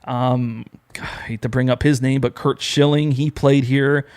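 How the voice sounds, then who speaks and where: A young man from upstate New York co-hosting a podcast, telling rambling, animated stories in casual chat. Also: medium pitch, unhurried. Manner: animated storyteller, rambling with restarts. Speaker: podcast co-host.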